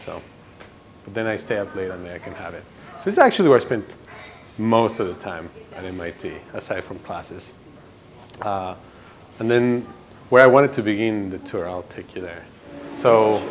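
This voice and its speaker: A man's voice: medium pitch, a little hiss or hum. A man in his twenties from Ecuador, casually rambling with fillers while giving a campus tour as a graduate student. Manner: rambling, relaxed, many fillers and restarts. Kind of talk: casual documentary interview.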